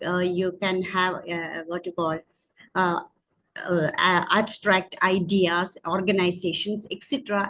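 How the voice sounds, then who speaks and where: A woman's voice: mid-range voice, fairly bright tone, slightly rough, rough recording. A woman teaching an online English grammar lesson, explaining patiently and often restarting or correcting herself. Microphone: screen-share online session.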